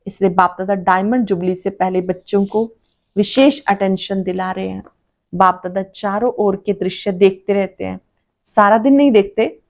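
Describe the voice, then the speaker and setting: A woman reading a devotional sermon as a spiritual teacher, slowly, repeating key phrases for emphasis. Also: medium pitch, darkish tone.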